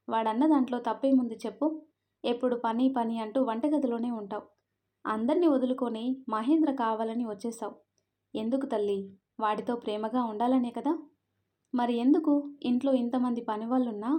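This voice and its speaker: A woman voicing a caring middle-aged mother-in-law who scolds gently and with affection. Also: on the high side, steady tone, normal speed, close to an everyday voice. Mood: advising.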